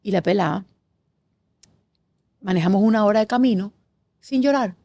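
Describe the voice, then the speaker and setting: Middle-aged woman from panama, interview guest, animated storytelling, lots of quick lists, normal pitch. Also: dry recording. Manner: expressive, animated, lists things in rapid series.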